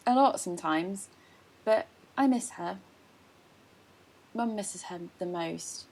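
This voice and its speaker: A young actress playing a shy teenage girl in first love, hesitant, soft and self-deprecating. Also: mid-range voice, takes it slowly. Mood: tender. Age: young adult. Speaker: student actor. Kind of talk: stage drama dialogue.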